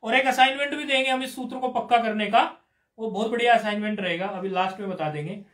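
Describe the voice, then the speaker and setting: A man's voice: high-pitched, quick pace, fairly bright tone. A man teaching Sanskrit grammar in a live class, explaining patiently step by step and asking his students questions. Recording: roomy echoey room.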